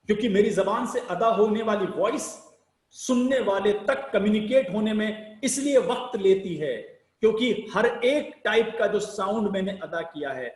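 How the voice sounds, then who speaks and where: A man with a high, animated voice lectures slowly and deliberately on public speaking. He asks rhetorical questions and spells out sounds one at a time. The room is echoey. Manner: slow deliberate explanation, spells out sounds letter by letter; rhetorical questions, emphatic rises and sinking ends.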